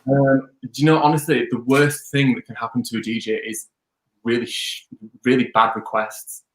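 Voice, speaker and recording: A man's voice: mid-range voice, fairly even intonation, normal speed. A young man, chatting upbeat and rambling as a DJ guest on a video call. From Leeds, England. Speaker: DJ and music producer guest. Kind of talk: casual interview chat. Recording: echoey room over video call.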